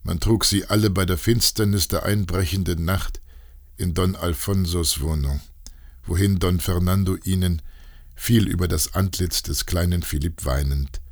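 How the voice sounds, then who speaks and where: A man reading a classic novella aloud in a dramatic, measured way. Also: low voice, fairly even intonation. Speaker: narrator. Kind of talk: scripted narration of a classic novella.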